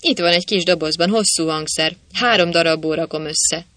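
A man's voice: a little high, no echo. A man doing a glib, cheeky legionnaire. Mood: glib, deadpan. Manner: glib, deadpan answers. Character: cheeky quick-witted male legionnaire with false names.

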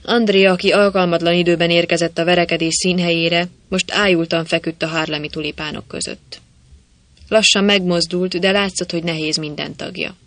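Guy reading a novel aloud, lively telling, dry close mic. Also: on the high side, dry recording. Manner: lively storytelling, voicing quoted characters. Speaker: audiobook narrator. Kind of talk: scripted narration.

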